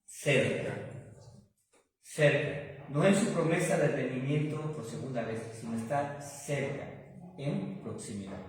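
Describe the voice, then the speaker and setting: A man's voice: mid-range voice, normal speed, a little mellow. A man with a Mexican Spanish accent, preaching a sermon and then leading a long prayer, calling the congregation brothers and asking them rhetorical questions. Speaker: pastor. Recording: echoey hall, from far off the mic.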